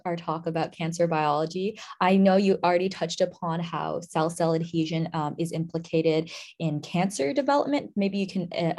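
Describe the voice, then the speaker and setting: A woman's voice: lowish voice, a little mellow. A woman co-hosting a student podcast, asking the guest a question hesitantly with ums and restarts. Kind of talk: podcast interviewing.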